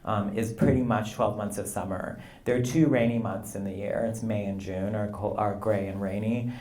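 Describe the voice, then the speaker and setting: A man in his fifties, a poet being interviewed, talking in a relaxed, rambling way with frequent "you know" and light laughs. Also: on the low side, moderate pace. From Canada and the U.S. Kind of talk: conversational interview. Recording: roomy live event sound.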